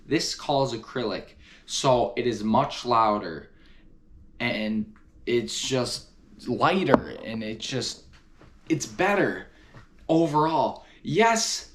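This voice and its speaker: A man's voice: mid-range voice, a bit bright. A man talking casually to camera as he reviews hunting gear, enthusiastic and repeating words for emphasis.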